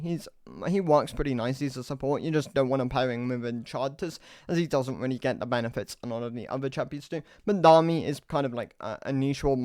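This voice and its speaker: A man talks through game rankings in a loose, unhurried way, full of fillers and self-corrections. His voice is smooth and resonant, a bit worn, and sits mid-range. The recording is close and dry, with no room sound. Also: medium pitch, no echo. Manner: relaxed, filler-heavy explaining with many restarts. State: losing his voice. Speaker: gaming content creator. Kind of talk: casual game commentary.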